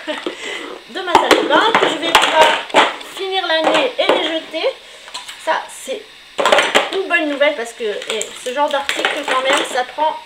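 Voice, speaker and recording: High-pitched chatty woman. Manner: chatty, hesitant with frequent fillers; blunt verdicts. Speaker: beauty vlogger. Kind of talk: casual product review. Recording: echoey room with noticeable background noise.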